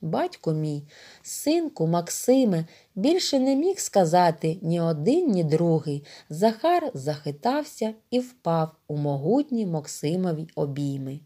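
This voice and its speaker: A woman narrating an audiobook of a classic novel with expressive storytelling. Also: on the low side, unhurried, hardly any pauses, husky. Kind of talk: scripted literary narration.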